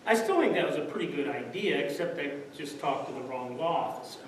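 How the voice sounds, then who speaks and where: A man telling a comic story on stage, lively and laughing through his punchlines, recorded from far off in a large room. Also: a little high, quick pace. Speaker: comedian. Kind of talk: stand-up storytelling. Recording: echoey hall from far off, noisy.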